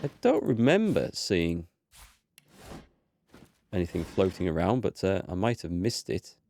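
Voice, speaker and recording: This is relaxed gaming commentary from a man whose nose is stuffed up from a cold he's recovering from. He speaks low and unhurried with vocal fry, a little mellow, his pitch swooping wildly as he thinks aloud and reads in-game text. Slight background noise sits under the clip.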